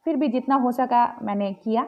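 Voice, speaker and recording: A woman teaching grammar in a home-recorded lesson, spelling words out letter by letter in a slow, deliberate way with filled pauses. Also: a little high, dull audio. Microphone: home video recording.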